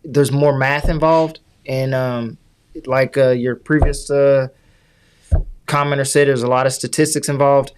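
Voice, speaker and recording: A man co-hosting a casual political talk podcast, who explains points at length with many restarts and slows down to stress them. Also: medium pitch, level tone, clean tone. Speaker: podcast co-host.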